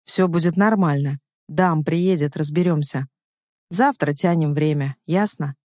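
A hot-tempered, protective older brother, as a woman narrator plays him in a storybook reading. He speaks bluntly and firmly in a lowish voice. The recording is dry and close. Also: measured pace, dark tone, dry recording.

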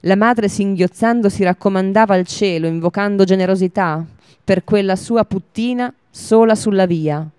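Woman reading a fairy tale, mellow. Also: mid-range voice, smooth, no room sound, studio quality. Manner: steady, measured storybook reading. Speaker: storyteller. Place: radio broadcast.

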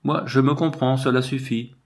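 A man's voice: medium pitch, fairly even intonation, normal speed, voice pushed up, lightly acted. A man reading an audiobook, voicing a suspicious and hostile male accomplice with a grating, curt manner. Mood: menacing. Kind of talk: audiobook character voice.

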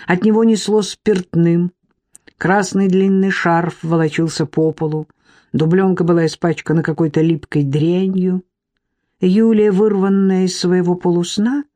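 Low mellow woman narrating an audiobook. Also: no echo.

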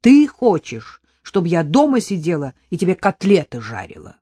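An audiobook reader voicing a defensive, agitated wife and amateur sleuth in a loud quarrel with her husband. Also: medium pitch, wildly swooping pitch, moderate pace, husky, no room sound, studio quality. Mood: angry. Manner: shouting, agitated. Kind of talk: audiobook character voice.

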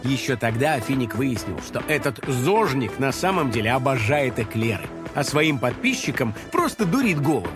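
A man narrating a children's audiobook in an expressive, playful way. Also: mid-range voice, normal speed, few pauses, music in the background.

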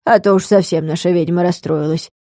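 A woman's voice: fairly low pitch, steady tone, no room sound, clean studio sound, lightly acted. A woman voicing a bossy magical bird-woman who scolds and protects the young heroine. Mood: pleased. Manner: sharp, scolding, quick to anger.

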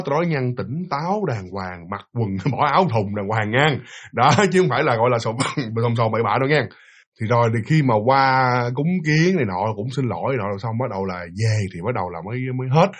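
A man's voice: mid-range voice, breathy edge, muffled recording. A man with a Southern Vietnamese accent casually telling a ghost story, chatty and addressing his listeners directly.

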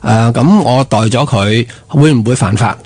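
A middle-aged Hong Kong Cantonese man spins a long story on a radio talk show, pausing on fillers and tossing questions at his co-host. His voice is a little husky and sits at an ordinary pitch, recorded close and dry. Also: dry recording. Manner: animated anecdote telling with many fillers and rhetorical questions. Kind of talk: casual radio chat.

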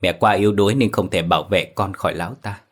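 A frail, timid mother in a horror audiobook, read by a man. She speaks softly and hesitantly, in a low voice. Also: quick pace. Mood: tearful. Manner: soft, hesitant.

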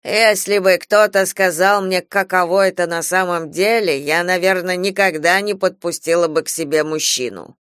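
A woman voicing a sharp-tongued, complaining stepmother in an audiobook. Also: on the low side, normal speed, hardly any pauses, clear, resonant tone, no room sound, studio quality, lightly acted. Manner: curt and complaining. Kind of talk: audiobook character voice.

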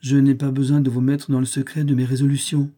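A man voicing a proud, dignified young woman held prisoner, her lines calm and firm. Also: mid-range voice, fast, natural voice. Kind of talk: audiobook character reading.

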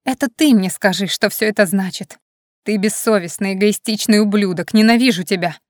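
A wounded young woman who lashes out in sharp, tearful bursts, voiced by the audiobook reader herself, recorded dry and close. Her voice sits mid-range, raw with emotion and bitterness. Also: medium pitch, brisk, no echo, close to an everyday voice. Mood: hysterical. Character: hurt, furious young woman, heroine.

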